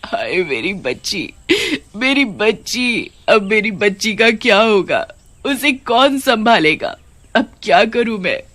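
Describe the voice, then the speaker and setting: A woman's voice: medium pitch, moderate pace, close to an everyday voice. A woman voicing a widowed mother who has become a witch ghost in a cartoon, speaking in a lamenting, emotional way. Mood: anguished.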